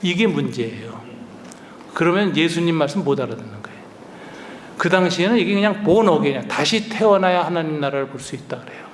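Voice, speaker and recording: An older man, a pastor, preaching a lively, colloquial retreat sermon, acting out dialogue and chuckling often. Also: a little high, a little fast, a little hiss or hum. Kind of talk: retreat sermon, storytelling with acted quotes. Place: church hall. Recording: roomy hall reverb, faint ambience.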